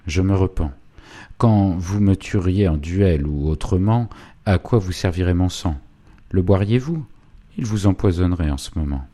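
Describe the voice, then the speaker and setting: A man's voice: low-pitched, animated, normal speed, warm tone. A man voicing a spiteful, cunning hunchbacked clerk who talks in a bitter, scheming, feverish way. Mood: pleading.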